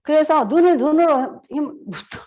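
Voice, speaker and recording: A woman in her fifties giving a casual seminar talk, animated and laughing often as she acts out greetings. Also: high-pitched, normal speed. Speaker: seminar speaker.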